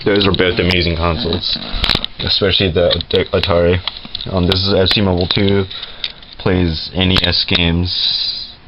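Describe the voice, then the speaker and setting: A man's voice: low-pitched, little pitch movement, moderate pace. A man casually showing off his game collection in a room at home, hesitant and full of fillers and self-corrections. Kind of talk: casual show-and-tell vlog. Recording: dull lo-fi camera audio with loud noise.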